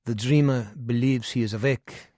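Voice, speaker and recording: A man's voice: medium pitch, fairly even intonation, moderate pace, warm tone, no echo, studio quality, close to an everyday voice. A man voicing a frail, dying male psychiatrist in his nineties, with a heavy German accent and a sly, probing way of asking questions. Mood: probing, lecturing. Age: 90s.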